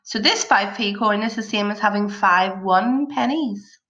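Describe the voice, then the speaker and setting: Bright, unhurried woman teaching young children, slightly muffled. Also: mid-range voice. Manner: encouraging, praising, asks questions and leaves pauses for children. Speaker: primary school maths teacher. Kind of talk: upbeat children's lesson narration, like a kids show host.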